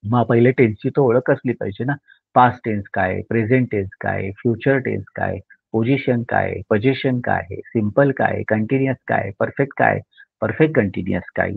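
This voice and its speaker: A man teaching English grammar in a lecture, rattling off drilled lists of tense endings and slowly dictating example sentences word by word. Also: fairly low pitch, creaky, breathy edge, no room sound. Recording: dry, tinny phone-like sound.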